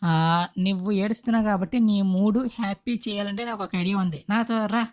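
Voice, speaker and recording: A woman's voice: medium pitch, steady tone, darkish tone, lightly acted. A woman voicing a caring, cheerful uncle who fusses over and coaxes an upset child. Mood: coaxing. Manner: fast, fussing, coaxing. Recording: game music in background.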